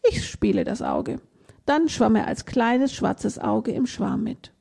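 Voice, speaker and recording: A woman reading a children's story aloud in a gentle storytelling manner. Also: fairly high pitch, gravelly, husky. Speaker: reader.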